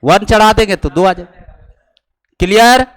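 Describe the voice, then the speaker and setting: Slow, high-voiced math teacher. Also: male voice. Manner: slow, teasing, mixing Hindi and English, chuckling asides. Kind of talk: classroom lecture. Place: coaching classroom.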